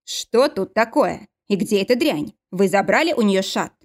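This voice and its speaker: A domineering prince, read by a woman narrator, pressing his demands slowly and sternly. His anger stays in the measured, heavy pace rather than in shouting. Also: medium pitch, lively intonation. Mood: angry. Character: angry domineering man, a prince and husband.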